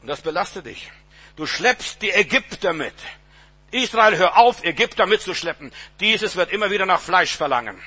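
High, bright older male preacher. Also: lively intonation, brisk, husky. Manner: emphatic, repetitive, stammering restarts. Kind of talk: sermon.

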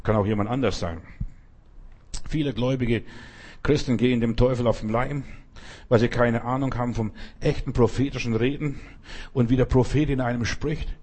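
Husky guy preaching like he's chatting to you, keeps saying "you know", acts out the voices in his stories. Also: mid-range voice, moderate pace, pauses often. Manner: speaks directly to one listener, often asks "weißt du"; animated storytelling, acting out quoted voices. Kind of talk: conversational sermon.

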